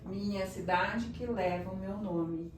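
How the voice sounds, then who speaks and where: Slow, echoey woman teaching. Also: mid-range voice, distant mic, slight background noise. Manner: slow, explanatory, often checks in with "tá?". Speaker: religious teacher. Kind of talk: teaching Hebrew names from a written page. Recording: echoey room, voice a bit off-mic.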